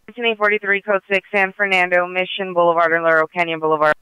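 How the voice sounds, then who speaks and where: Crisp, clipped male police dispatcher on radio. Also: high-pitched, little pitch movement, fast talker, sharp tone, no room sound, dull audio. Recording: police scanner radio transmission.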